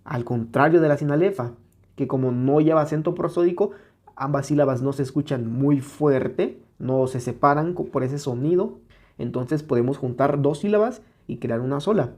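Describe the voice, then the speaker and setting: Casting: man with a Mexican Spanish accent, slightly high voice, patient step-by-step teacher. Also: darkish tone. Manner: patient, explains step by step, checks in with "¿vale?" and "¿ok?"; sounds words out slowly to show syllables. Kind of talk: exam-prep lesson at a whiteboard.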